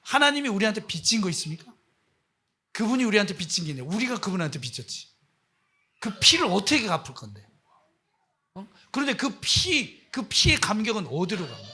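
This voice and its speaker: A man's voice: high-pitched, big pitch swings, brisk, bright, forceful tone, slightly rough. A man preaching as a missionary, impassioned and scolding, firing off rhetorical questions at his listeners. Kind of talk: sermon.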